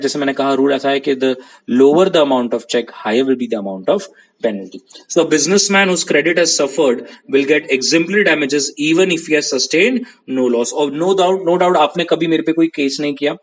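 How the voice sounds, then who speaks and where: A man from India giving a lecture on contract law, switching between Hindi and English and often checking that his students follow. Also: fairly high pitch. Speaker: law teacher. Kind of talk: classroom-style lecture.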